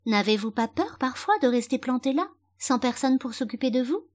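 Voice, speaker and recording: A woman's voice: sits high, expressive, normal speed, pitched above the performer's own voice. Alice, a woman voicing a curious polite girl. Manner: earnest, wondering, politely questioning.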